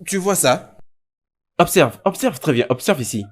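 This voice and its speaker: A man's voice: fairly high pitch, animated, moderate pace. A strict, impatient dance teacher, scolding his clumsy pupil. His voice swings widely up and down as he berates. Everything is delivered in the style of a dubbed film. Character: strict short-tempered male dance teacher.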